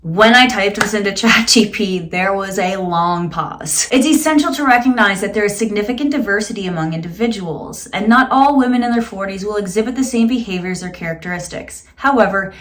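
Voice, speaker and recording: A woman vlogger in her late thirties reads search results aloud and mocks them with dry, sarcastic asides in a casual vlog. Her voice is medium-pitched and a bit bright, with lively intonation and a moderate pace, and she barely pauses. Slight background noise is present.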